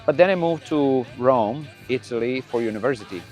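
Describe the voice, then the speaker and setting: Give me a relaxed middle-aged man from Croatia, telling stories over faint music. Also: medium pitch, normal speed. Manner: relaxed, rambling, with frequent restarts. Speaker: podcast host and record label owner. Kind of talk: casual monologue. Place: room full of records.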